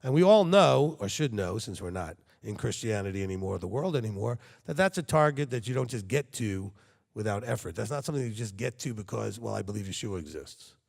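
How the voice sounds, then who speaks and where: In a large hall, a congregation leader preaches in a lowish, expressive voice with vocal fry, moving fairly quickly. He keeps it conversational, regularly posing rhetorical questions to his congregation.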